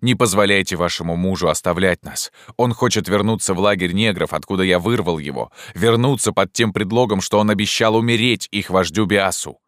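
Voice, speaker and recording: A man voicing a proud, loyal rebel leader who speaks forcefully and with indignation, in an audiobook reading. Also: low voice, moderate pace, no echo, studio quality. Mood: impassioned.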